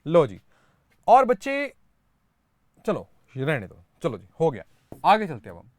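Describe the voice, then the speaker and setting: A man's voice: a little high, wildly swooping pitch, a little slow, a little mellow, dry recording, clean studio sound. A man teaching current affairs for exam prep, explaining step by step, calling his students kids and asking rhetorical questions.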